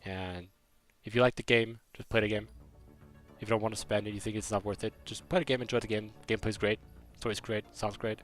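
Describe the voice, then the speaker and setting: A young man from Germany, slightly accented, chats on his game stream a little fast, his lowish voice fairly even in intonation. He reads chat and loops back repeatedly through a rambling story, soft music in the background.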